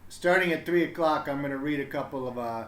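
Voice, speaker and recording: Getting his livestream ready, a parent who reads storybooks on stream chats casually and with some hesitation, musing aloud as he goes. He talks fast at a medium pitch with a fairly bright tone, recorded in an echoey, noisy room.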